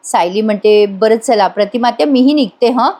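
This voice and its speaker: A woman's voice: fairly high pitch, moderate pace, dark tone. Woman recapping a TV serial. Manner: retells scenes, briefly voicing each character. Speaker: TV serial reviewer. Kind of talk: voice-over episode recap with quoted dialogue. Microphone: voice-over.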